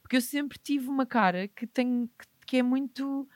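A man's voice: very high-pitched, normal speed, dry recording. Candid young Portuguese man, dry sound. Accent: European Portuguese. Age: 20s. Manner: emphatic, open and reflective, with sudden laughs. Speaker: guest entrepreneur. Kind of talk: candid podcast conversation.

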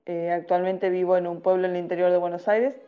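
A woman's voice: fairly low pitch, flat delivery, quick pace, phone-quality sound. A woman in her thirties from Salta, Argentina, telling a childhood story as a podcast guest, hesitant and full of fillers. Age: 30s. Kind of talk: casual storytelling interview.

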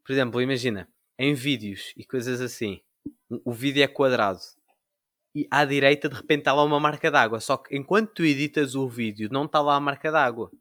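A man's voice: medium pitch, fairly quick, fairly bright tone, no echo, clean studio sound. A young man with a European Portuguese accent, chatting casually in slangy, rambling anecdotes and acting out imagined dialogue.

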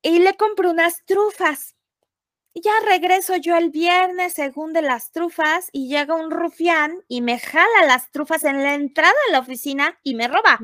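A woman's voice: very high voice, moderate pace, no echo, clean studio sound. A young Mexican woman, a podcast guest, telling a personal story casually and animatedly, acting out what people said. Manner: animated, acts out quotes.

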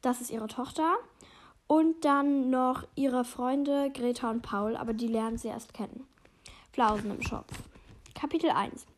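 A woman's voice: a little high, steady tone, unhurried. A woman vlogger chatting casually about a children's book and reading from it, hesitant and stumbling, poking fun at her own reading.

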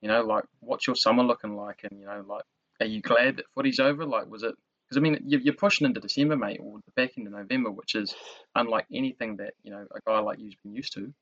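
Fast-talking man, broad Kiwi accent. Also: lowish voice, a bit bright, dull audio. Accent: broad New Zealand. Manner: matey and slangy, peppered with bro and man. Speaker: podcast host. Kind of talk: casual interview chat.

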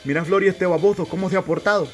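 A man playing an old grandfather with a Salvadoran accent, gruffly teasing his grandson and calling him a fool with affection. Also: sits high, quick pace, soft background music, close to an everyday voice. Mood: gruff tender.

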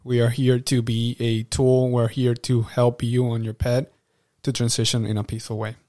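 A man's voice: mid-range voice, monotone, normal speed, dark tone, dry recording, clean studio sound. A man working as a veterinarian, answering interview questions in an earnest, reassuring way and repeating himself for emphasis.

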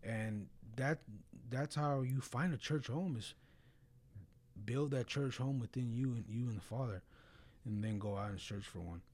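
A man's voice: mid-range voice, unhurried, a little mellow. A man talking casually and earnestly about religion in a blunt way, often peppering his speech with slang and filler phrases. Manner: blunt, earnest, frequent "bro" and "you know".

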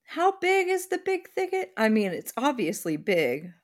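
A woman co-hosting a casual podcast, reacting and joking, full of "like" and quick asides. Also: on the high side, huge pitch swings. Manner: joking, riffs with silly voices, says "like" a lot. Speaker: podcast co-host.

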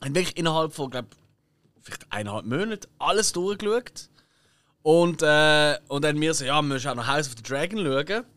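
A young man with a Swiss German accent talks in a chatty, rambling way and laughs often. His voice sits a little high for a man. He is recorded dry and close on a podcast mic. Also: expressive, fairly quick, fairly bright tone, no echo. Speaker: podcast co-host. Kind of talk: casual chat.

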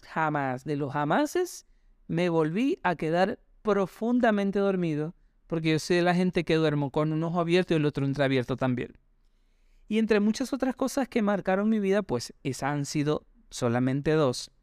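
A man's voice: sits high, a little mellow, smooth, no room sound, studio quality. A man hosting a personal podcast, telling a reflective, rambling story and addressing his listeners directly. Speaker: podcast host.

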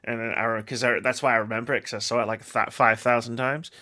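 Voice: medium pitch, steady tone, quick pace, pushed and bright. A podcast co-host in casual chat, telling stories animatedly, laughing often and swearing freely.

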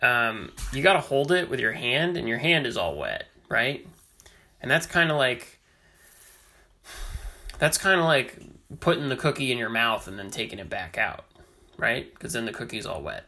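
A man's voice: medium pitch, sing-song, moderate pace, bright, forceful tone. A man hosting a homemade show, chatting casually and playfully with a small child during bath time and announcing breaks like a show host. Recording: noisy home bathroom recording with water sounds.

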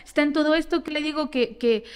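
A woman psychotherapist, explaining in a lively way and acting out examples in casual conversation. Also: high voice, fast, in a large hall. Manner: animated, explains with acted-out examples. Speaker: psychotherapist guest. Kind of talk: conversational advice in a podcast.

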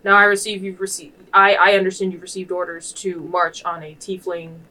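A woman playing a stern, self-important dwarven general in a tabletop game, speaking formally and deliberately. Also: on the low side, little pitch movement, sharp tone, recorded from a distance, low-quality recording. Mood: formal, firm. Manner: deliberate, formal, pulling rank.

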